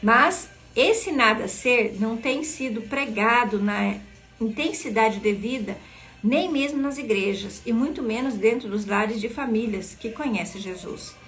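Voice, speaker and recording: A woman's voice: on the high side, a little slow, fairly bright tone, soft background music. Earnest woman leading a devotional. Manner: earnest, asks listeners questions directly. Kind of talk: devotional teaching reading from a book.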